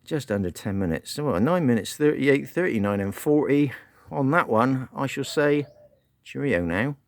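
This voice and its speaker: A man's voice: mid-range voice, animated, moderate pace, dry recording, clean studio sound. A man talking casually through a motorbike repair, muttering asides to himself. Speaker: motorbike vlogger. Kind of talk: casual workshop how-to.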